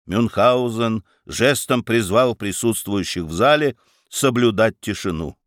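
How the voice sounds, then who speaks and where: A man's voice: lowish voice, unhurried, no room sound, studio quality. A man narrating a story expressively as a dramatic reader.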